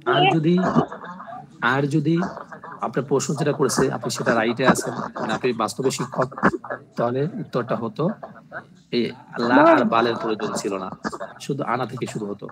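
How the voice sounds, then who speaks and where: A man's voice: mid-range voice, expressive. Patient male teacher, noisy recording. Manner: slow, patient explaining, repeats each phrase with translation. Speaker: Arabic teacher. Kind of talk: online language class in Bengali.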